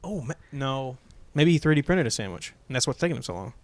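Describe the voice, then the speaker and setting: Guy cohosting a giveaway show, normal pitch, chatty and kinda teasing. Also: lively intonation, fast talker, dry recording. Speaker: show co-host. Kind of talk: casual banter, hosting a giveaway show.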